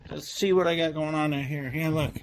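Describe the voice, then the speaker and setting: A man's voice: fairly high pitch, fairly even intonation, brisk, slight background noise. A man who makes HVAC videos, chatting casually in a rambling, blunt way with some cursing. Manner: rambling and blunt, with mild profanity. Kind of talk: casual vlog chat.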